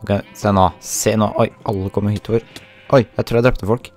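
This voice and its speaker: A young man talks through his gameplay in a chatty, self-mocking way, dropping English slang as he goes. His voice sits fairly low, and soft game music plays quietly behind him. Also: fairly even intonation. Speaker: gaming YouTuber. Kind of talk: casual gameplay commentary. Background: faint game music.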